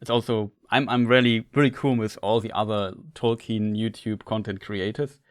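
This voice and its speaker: A man's voice: on the low side, level tone, normal speed. A man, an English speaker, chatting casually with viewers while live-streaming a game, rambling and restarting his sentences.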